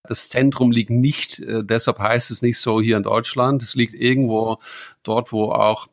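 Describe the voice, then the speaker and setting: A middle-aged man from the Netherlands with a Dutch accent, explaining in a casual chat, thoughtful and halting with many fillers. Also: mid-range voice, steady tone. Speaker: guest expert.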